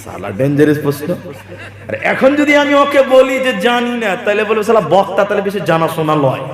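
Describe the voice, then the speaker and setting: A man's voice: high voice, big pitch swings, fast. A man from Assam preaching a humorous sermon, teasing the crowd with rhetorical questions. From Assam, India. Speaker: Islamic preacher. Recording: echoey hall with long reverb.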